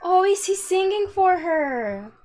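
A young woman hosting a reaction video, excitable and giggly, often gasping as she comments on clips. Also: extremely high pitch, slow pace. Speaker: YouTube reaction host.

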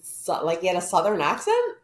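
Podcast co-host lady, joking and quick to react, swooping voice, echoey room. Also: lowish voice, huge pitch swings. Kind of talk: casual chat.

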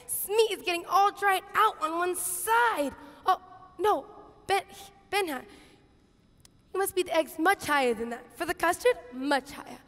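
Young woman acting flustered, high-pitched Martha, theatrically exaggerated. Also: animated, unhurried, full character voice. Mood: frantic, exasperated. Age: teens to young adult. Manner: exaggerated, theatrical intonation, swinging from hushed asides to shouts. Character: flustered, bossy Martha, harried biblical kitchen hostess, exasperated with sister. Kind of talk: dramatic monologue, expressive stage reading. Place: stage in a large auditorium with audience. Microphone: headset. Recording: reverberant large hall, headset mic.

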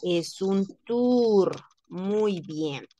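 A woman teaching a French class over a video call, speaking at an unhurried, measured pace. She repeats words several times to model how they should sound, and her voice sits at an ordinary middle pitch. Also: expressive, mellow, slight background noise. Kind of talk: online class lesson.

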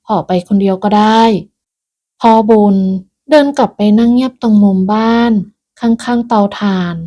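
A woman narrating a moral folk tale in a calm, measured storytelling voice. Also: mid-range voice.

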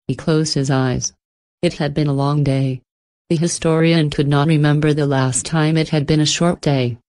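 A woman with a low voice reads a scripted horror story. She tells it in a steady, measured way, with clear phrasing from line to line. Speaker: narrator.

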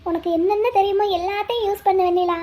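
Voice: very high voice, steady tone, fast, mellow. A performer voicing a wary young village woman who talks to herself and coaxes others in a cartoon. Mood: scheming. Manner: talks to herself, pleading and coaxing. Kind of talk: cartoon voice acting, inner monologue and dialogue.

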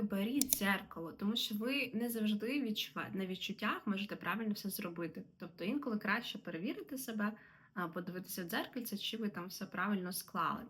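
A young woman from Ukraine talks through a lesson in a relaxed, chatty way. She sprinkles her talk with fillers and small laughs. Her voice has a bright, forward ring. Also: mid-range voice. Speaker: English teacher. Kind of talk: casual lesson to camera.

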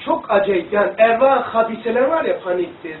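A man's voice: high voice, a little fast, slight background noise. Distant, echoey man teaching religion. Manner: rambling, animated, demonstrating to listeners. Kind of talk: informal religious lesson. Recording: echoey room, distant phone-like mic.

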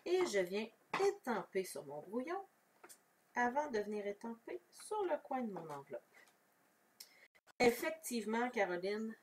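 Chatty Québécoise craft demonstrator, lively. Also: female voice, fairly high pitch. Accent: Québécois French. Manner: chatty, explains step by step, answers viewers. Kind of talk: casual live craft tutorial. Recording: voice somewhat far from the mic.

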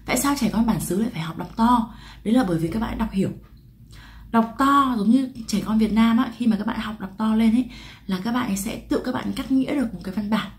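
In this explanatory lesson to camera, a Vietnamese woman runs quickly through English pronunciation with a fairly high-pitched voice. She chats with viewers, poses questions she answers herself, and draws out the example words.

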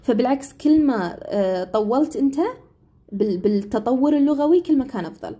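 A woman's voice: fairly high pitch, lively intonation, fairly quick, warm tone, breathy edge. A young woman, an English teacher chatting casually on a live stream and often checking in with "right?".

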